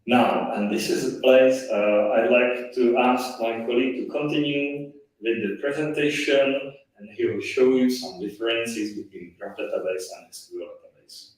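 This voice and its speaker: A man giving a technical conference presentation, talking haltingly with restarts, his voice played through a loudspeaker and re-recorded. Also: medium pitch, steady tone. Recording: echoey, distant speaker re-recording.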